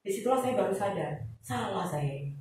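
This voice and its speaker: Javanese-accented lady telling her story on stage, swoopy lively voice, big echoey hall, mic far away. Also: mid-range voice, moderate pace, a little hiss or hum. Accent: Javanese-tinged Indonesian. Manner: animated storyteller who acts out quoted dialogue and mixes in English phrases. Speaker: speaker sharing her testimony at a sales event. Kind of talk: motivational testimony talk.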